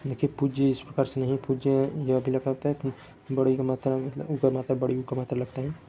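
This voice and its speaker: A man's voice: medium pitch, monotone, fast, warm tone, lo-fi sound, a little hiss or hum. A man teaching Hindi spelling for exam prep, going word by word and often correcting himself. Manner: self-correcting, repetitive word-by-word explanation.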